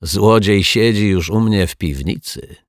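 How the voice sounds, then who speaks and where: A man's voice: lowish voice, a little slow, no room sound, studio quality. A man voicing a boastful, haughty male zombie in a children's story, drawling and sneering. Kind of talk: storybook reading.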